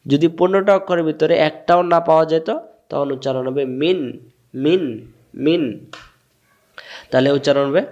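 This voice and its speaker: A man's voice: fairly high pitch, a little mellow, highs cut off. A man from Bangladesh with a Bangladeshi Bengali accent, teaching Quran recitation patiently and repeating each sound several times. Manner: repeats sounds slowly, asks and answers his own questions. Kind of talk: patient step-by-step lesson.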